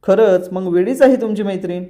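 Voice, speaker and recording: Man putting on a teasing young woman's voice, high pitched, mellow tone, serial scene retold. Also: a little fast, lightly acted. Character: young woman student, playful and stubborn.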